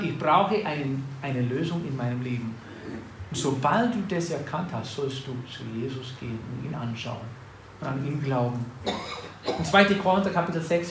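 A man preaching a sermon, reading scripture with rising emphasis and then dropping low and earnest. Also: fairly bright tone. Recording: echoey room with faint ambient noise.

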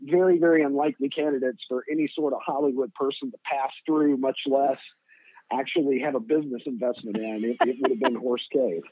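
A man's voice: medium pitch, fairly even intonation, brisk, mellow, slightly rough, dry recording, dull audio. A man with a Kentucky accent telling casual, humorous stories as a podcast guest, self-deprecating and folksy, swearing freely. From Kentucky, United States.

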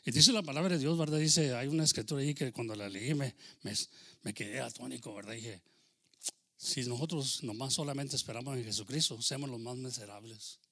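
In a mid-range, sharp-toned voice, a man preaches fairly quickly, his fervor rising as he goes. He calls out "hermano" and "aleluya" to the listeners and drops in English phrases from time to time.

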